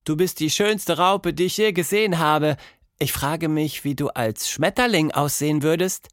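A man voicing a curious, lively young girl in a children's audio story, talking in an eager, wondering way. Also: a little high, moderate pace, no room sound, clean studio sound, voice pushed up, close to an everyday voice. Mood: delighted.

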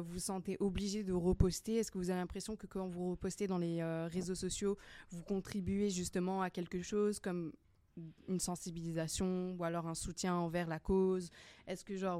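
A woman's voice: on the low side, dark tone, dry recording. A young woman hosting a casual panel discussion, wordy and thinking aloud as she qualifies her points. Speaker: discussion host.

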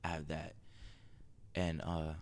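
Low gravelly laid-back man. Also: completely flat delivery, slow pace, a little mellow. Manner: laid-back, slangy, trailing off. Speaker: podcast co-host. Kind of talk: casual chat.

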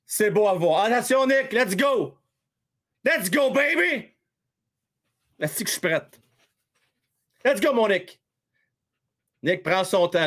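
A man with a Québécois accent hosting a hockey livestream from home, excitable and joking, shouting and swearing at big plays. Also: high voice. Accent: Québécois French. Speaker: fan livestream host. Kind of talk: excited live hockey commentary.

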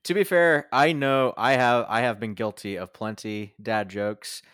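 A man's voice: medium pitch, a little slow, a bit bright, clear, resonant tone, no echo, clean studio sound. A young man casually reviewing a movie with a friend, rambling with many fillers and restarts. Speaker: podcast co-host.

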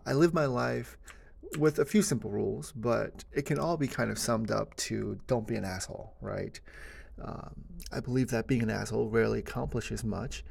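This podcast host, a man from the United States who was born in Korea, speaks alone in a casual, earnest solo monologue filled with "uh" and "you know." His voice is on the low side, gravelly, a little mellow and slightly rough.

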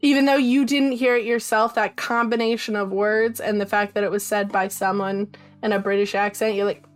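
A woman's voice: medium pitch, fairly even intonation, a little fast. A woman running a tabletop game as game master, narrating with frequent hesitations and fillers. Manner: hesitant, many ums.

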